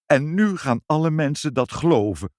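A broken, tearful bookkeeper stammers out his words in a high, quavering voice that swings wildly, as a man reads him. The sound is close and dry, with no room around it. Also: animated, moderate pace, a little mellow, no echo, natural voice. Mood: distraught. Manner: sobbing, stammering, high and strained. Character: tearful, broken middle-aged male bookkeeper.

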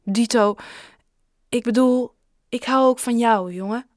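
Woman doing a gentle bankrupt storybook dad. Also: fairly high pitch, unhurried, no echo, clean studio sound, pitched above the performer's own voice, close to an everyday voice. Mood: tender. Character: rich bankrupt father, kind and softhearted. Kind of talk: storybook reading.

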